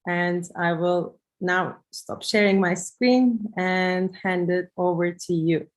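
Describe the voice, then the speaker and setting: A woman's voice: fairly low pitch, steady tone, slow pace. A woman hosting an online meetup over a video call, polite and helpful. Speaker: meetup host.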